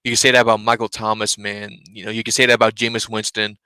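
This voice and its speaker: Hosting a laid-back live stream for his fan channel, this young man talks fast in a lowish, level voice with a sharp, clean tone and no echo. He's stuffy and keeps sneezing and sniffling, rambling bluntly and cursing freely.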